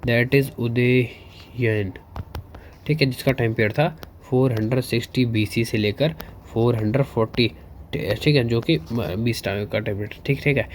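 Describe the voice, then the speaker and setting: Hinglish tutor with slow read-outs, quick asides. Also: male voice, mid-range voice, fairly even intonation, a little hiss or hum. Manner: reads English lines slowly, explains quickly in Hinglish with fillers; keeps asking and answering his own questions. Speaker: history teacher. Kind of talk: exam-prep lecture.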